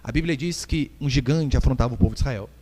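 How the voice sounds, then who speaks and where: A man's voice: medium pitch, fast talker. A man with a Brazilian Portuguese accent preaching a sermon as pastor, joking and acting out little scenes as he goes. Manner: animated preaching with jokes and acted-out quotes. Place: church hall. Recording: echoey church hall.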